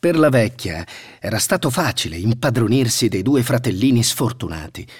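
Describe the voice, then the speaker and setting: A man reads a fairy tale aloud in an expressive storytelling voice. His pitch moves a lot, and his voice is slightly husky. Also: moderate pace. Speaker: narrator. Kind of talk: scripted storybook narration.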